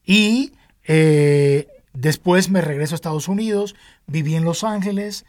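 Older Cuban man, high-pitched and dry. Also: unhurried, no echo. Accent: Cuban Spanish. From Cuba. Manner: warm storytelling, many restarts and fillers. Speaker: guest singer. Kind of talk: interview, personal storytelling.

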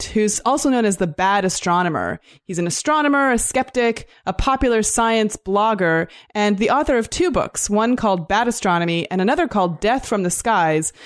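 A woman co-hosting a science podcast, introducing a topic in a measured, explanatory way. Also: medium pitch. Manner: measured and explanatory, with some "um" fillers. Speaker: podcast co-host.

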